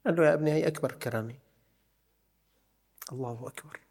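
A man's voice: on the high side, fast, creaky, darkish tone, slightly rough. A man giving a religious lesson, emphatic and full of repeated rhetorical questions. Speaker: religious teacher.

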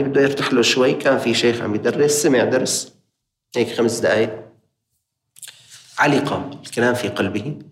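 Levantine guy giving a fiery sermon, mid pitch, echoey room. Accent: Levantine Arabic. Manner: impassioned, appealing directly to listeners. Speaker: preacher.

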